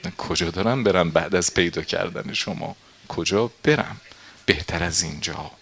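A man's voice: deep voice, vocal fry, fairly bright tone, slightly rough, exaggerated voice. A man voicing an earnest male companion who pleads to stay. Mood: pleading. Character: Nafi, devoted young male companion.

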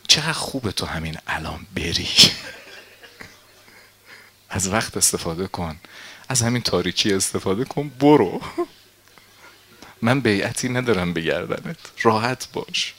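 A calm male leader speaks with gentle assurance, as a preacher voices him in his sermon. The voice is bright and forceful, yet soft-spoken. The tone is assuring throughout. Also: fairly low pitch, pauses often. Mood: urging. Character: Imam Hussein, calm, reassuring male leader.

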